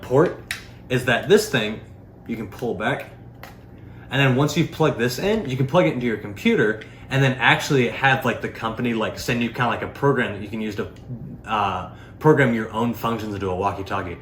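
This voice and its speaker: This product reviewer talks in a lowish, fairly bright voice, rambling informally through a casual, unscripted demo full of filler words. The sound carries a roomy echo with faint noise in the background.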